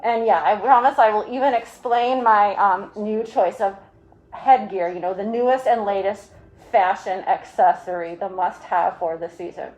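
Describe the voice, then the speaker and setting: A woman's voice: medium pitch, moderate pace, darkish tone, dull audio. A woman hosting a casual live video chat through a mask and face shield, rambling along with jokey asides. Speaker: livestream host.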